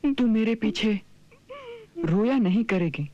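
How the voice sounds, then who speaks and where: An actor playing a wise young divine son in a devotional TV drama, counselling his mother gently, like a sermon. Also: sits high, expressive, takes it slowly, heavily acted. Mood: tender.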